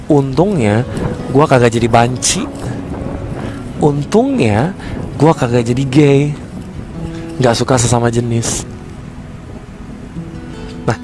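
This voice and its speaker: With a mid-range voice, a man delivers a motivational sales-coaching talk. He speaks emphatically, repeatedly posing rhetorical questions and then answering them himself.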